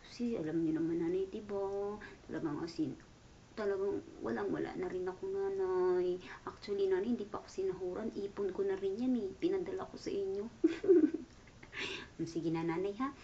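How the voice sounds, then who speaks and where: A young Filipino woman in her twenties with a Filipino accent, sending a playful, affectionate birthday video message to her mother while away from home and often dropping to a soft whisper. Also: mid-range voice, fairly even intonation, a little fast. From Philippines. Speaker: daughter working away from home. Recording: dull lo-fi recording with faint noise.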